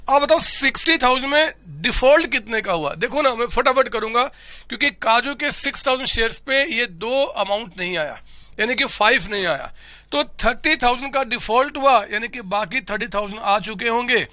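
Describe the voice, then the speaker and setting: A male commerce teacher giving a classroom lecture, loud and energetic with a sore throat, often shouting and constantly quizzing his students. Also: very high voice, normal speed, dry recording. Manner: keeps asking students questions.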